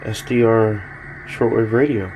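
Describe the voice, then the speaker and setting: An American radio hobbyist in his thirties rambles casually and haltingly, thinking out loud for a laid-back vlog from a small backyard shed. His voice is lowish and steady, and the noisy recording picks up fireworks popping in the distance.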